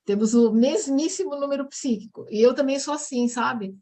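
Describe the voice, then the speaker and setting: Slightly high-voiced woman host. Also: normal speed, dark tone. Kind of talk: casual chat on a video call.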